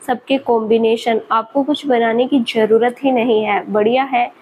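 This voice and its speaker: A sulky, spirited young student girl with a bright, higher voice , as a storybook narrator does her. She pleads, pouts and bickers in a quick, pleading way. A faint hiss runs underneath. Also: steady tone, lightly acted, low-quality recording. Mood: pouty. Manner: pleading, pouty.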